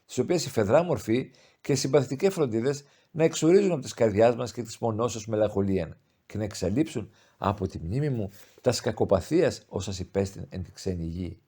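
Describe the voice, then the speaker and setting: Male audiobook narrator, mellow and dark-toned, measured expressive storytelling. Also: lowish voice, husky. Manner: measured, expressive reading of formal old-style prose. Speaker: audiobook reader. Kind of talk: scripted literary narration.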